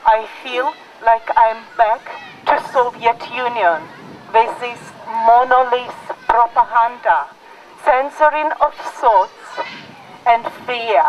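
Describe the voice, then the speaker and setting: A woman in her forties from Ukraine with a Ukrainian accent, a university lecturer giving an earnest, deliberate prepared speech. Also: fairly high pitch, dull audio, slight background noise. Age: 40s. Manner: earnest, deliberate, repeats for emphasis. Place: outdoors in a park.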